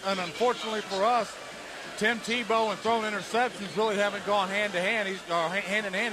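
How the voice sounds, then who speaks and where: A man working as a radio color commentator, analyzing football plays as a partisan of the home side. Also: sits high. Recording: clear stadium noise behind broadcast voice. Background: stadium ambience.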